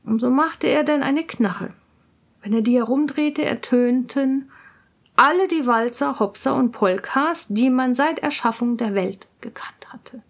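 A woman reads a fairy tale aloud, taking her time over every line. Her voice sits high and her manner is gentle and expressive. Now and then her words drop almost to a whisper. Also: a little slow. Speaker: storyteller.

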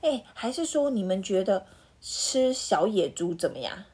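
Storybook wolf, take-charge and emphatic, slightly husky; voiced by a woman. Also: mid-range voice, sing-song, unhurried, darkish tone. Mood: bossy. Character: bossy, excitable male wolf leader.

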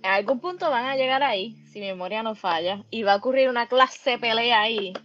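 A woman co-hosting a casual anime chat, animated and careful about spoilers. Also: fairly high pitch, fairly quick, muffled recording, faint music behind. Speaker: podcast co-host.

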